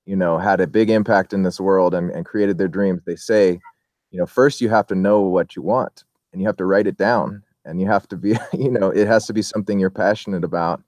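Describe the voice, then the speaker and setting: A man's voice: low-pitched, fairly even intonation, a little fast, a little mellow, dry recording, studio quality. A man hosting a casual interview, rambling through long questions with many fillers and restarts. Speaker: interview host.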